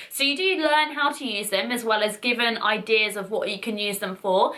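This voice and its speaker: A young woman presenting a video game review, her voice husky as she recovers from flu. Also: on the high side, pushed and bright. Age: young adult.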